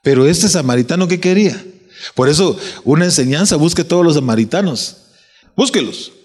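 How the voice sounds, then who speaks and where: A man preaching. His voice sits fairly high and swings widely in pitch as he fires questions at the congregation and doubles back on his words. The sound carries a long reverb, as if caught in a large church hall. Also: expressive, fairly quick, a little mellow, husky. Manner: preaching with rhetorical questions and repeated restarts. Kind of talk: sermon.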